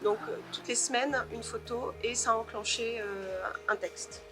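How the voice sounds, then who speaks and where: A woman novelist answering interview questions in a thoughtful way, pausing often to search for her words. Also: fairly high pitch, steady tone, music in the background.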